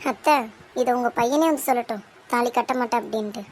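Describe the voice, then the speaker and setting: The high, clear voice of a young cartoon bride-to-be who stands up for her sister, voiced by a woman. She answers back sharply, with firm, cutting defiance and no fear of her elders. Faint noise sits behind her. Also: quick pace, a little mellow, lightly acted. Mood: defiant. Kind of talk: cartoon soap drama voice acting.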